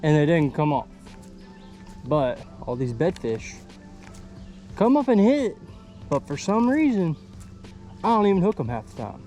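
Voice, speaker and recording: A man giving casual running commentary while fishing from a boat outdoors. He is excitable and slangy, and he talks to the fish. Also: fairly high pitch, a little slow, pauses often, soft background music. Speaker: fishing vlogger.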